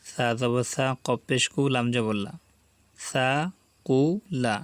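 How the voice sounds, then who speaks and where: A man's voice: mid-range voice, little pitch movement, slow pace, clear, resonant tone. Patient man drilling syllables, dry close sound. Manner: patient, repeats each syllable for learners to echo. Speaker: Quran reading teacher. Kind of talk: slow spelling drill lesson.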